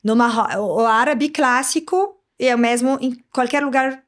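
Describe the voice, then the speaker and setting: A woman in her thirties from Morocco, an Arabic speaker, talking in a lively, chatty way as a guest in a casual interview. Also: on the high side, moderate pace. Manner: lively and chatty, often adds "né".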